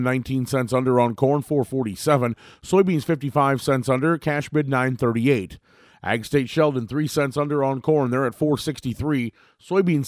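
An American man working as a radio reporter, reading a scripted farm market report in a brisk, businesslike way. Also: mid-range voice, a little mellow, no echo, studio quality.

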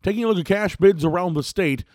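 An American man working as a radio reporter, reading a scripted farm market report in a brisk, businesslike way. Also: sits high, a little mellow, no echo, studio quality.

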